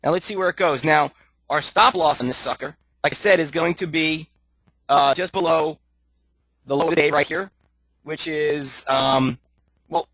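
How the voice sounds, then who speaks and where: A man coaching live trades on his screen, thinking aloud with lots of fillers and restarts, a little hoarse as his voice starts to go. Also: fairly high pitch, fairly bright tone, no echo. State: losing his voice. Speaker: trading coach. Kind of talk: live screen-share trading tutorial.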